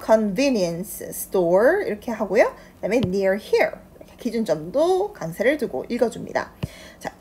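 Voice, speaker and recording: Lively Korean woman teaching English. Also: a little high, husky. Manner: patient, explains step by step, slow drawn-out English examples. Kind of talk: online English lesson.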